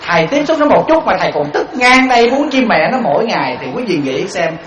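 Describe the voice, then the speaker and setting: A man gives a dharma talk, telling stories and acting out the voices in them. His fairly high voice leaps up and down as he keeps asking the audience questions. The hall recording is roomy and a little dull. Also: quick pace, background noise. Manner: animated, acts out quoted voices; addresses the audience with rhetorical questions. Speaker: Buddhist monk giving a dharma talk.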